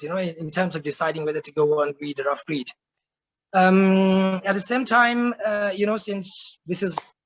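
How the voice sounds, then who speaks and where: A middle-aged man from Nepal speaking on a panel, halting, with many restarts and fillers. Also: high-pitched, a bit bright, no room sound, poor audio. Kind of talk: online panel talk. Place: home office in Rwanda.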